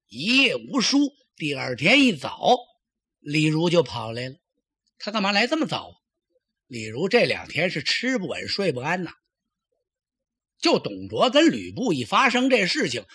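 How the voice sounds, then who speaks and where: A man narrates a traditional tale in a husky voice set fairly high. His pitch swings widely as he dramatizes events, turning often to address the listener. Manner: lively, dramatic, talks to the listener. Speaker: storyteller.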